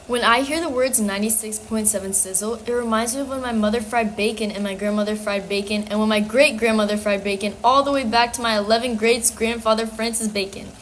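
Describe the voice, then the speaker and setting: A woman's voice: a little high, fairly even intonation, fairly quick, hardly any pauses, a little hiss or hum, close to an everyday voice. A woman playing a devoted housewife who gives an earnest testimonial in a parody radio advert.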